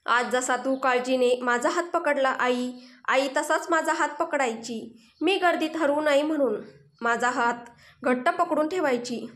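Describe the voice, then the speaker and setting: A woman's voice: high-pitched, a little slow, fairly bright tone, pitched above the performer's own voice. A woman voicing a fragile, grieving young woman who pleads through tears and stammers over her words in a story reading. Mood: tearful pleading. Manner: tearful, pleading, stammering repeats. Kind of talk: Marathi audio story dialogue.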